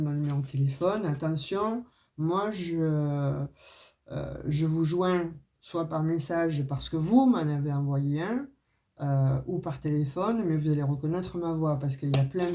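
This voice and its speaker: In a low-pitched, dark voice, a woman with a regional French accent, not Parisian, does a casual tarot and oracle card reading. She speaks directly to her viewers in a chatty way, full of hesitations like "euh" and "hein."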